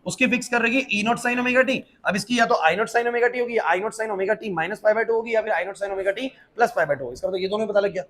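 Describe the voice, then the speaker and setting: High-voiced man quizzing a class. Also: fairly bright tone. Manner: drills students with quick questions and answers them himself; mixes English technical terms into his talk. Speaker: physics tutor. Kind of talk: classroom lecture. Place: classroom with students.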